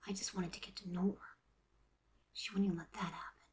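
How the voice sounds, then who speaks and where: In a fan audio drama, a woman voices a teenage boy who is teasing and wistful, confiding in a breathy tone that often nears a whisper. Her voice is lowish and darkish, with fairly even intonation and a fairly quick pace.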